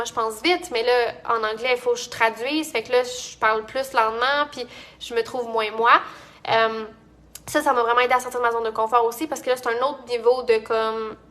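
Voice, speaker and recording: A woman's voice: fairly high pitch, fairly bright tone. A young woman with a Quebec French accent, giving a casual motivational talk as a business coach, chatty and full of fillers and restarts.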